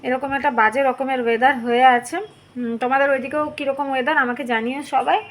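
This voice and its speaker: A woman's voice: high voice, fairly even intonation, fast, fairly bright tone, slight background noise. A young woman chatting casually in a home vlog, talking straight to her viewers. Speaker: vlogger.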